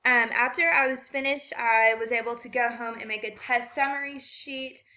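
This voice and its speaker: Bright-voiced woman explaining a test. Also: on the high side, fairly even intonation, moderate pace, muffled recording. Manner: explanatory, with frequent ums. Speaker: student teacher explaining an assessment. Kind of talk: walkthrough of a reading assessment.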